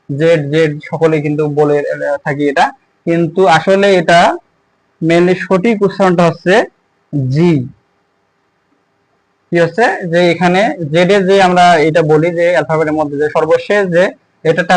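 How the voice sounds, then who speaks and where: A young man with a fairly high voice gives an English lesson, pausing and repeating words as he explains each letter. The sound is close and dry, with no room echo. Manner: halting, repeats words while writing on a board. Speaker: English teacher. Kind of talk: spoken language lesson.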